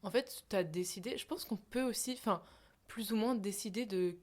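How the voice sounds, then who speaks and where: A young woman talks in a relaxed, conversational way. She sounds thoughtful and builds her points loosely. Her voice sits at an ordinary middle pitch. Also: normal speed. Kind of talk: casual conversation.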